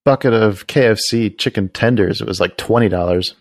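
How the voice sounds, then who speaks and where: Male podcast co-host, low gravelly voice, dry sound, wry quips. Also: fairly quick, dry recording. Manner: wry quips and short replies. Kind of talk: casual finance chat.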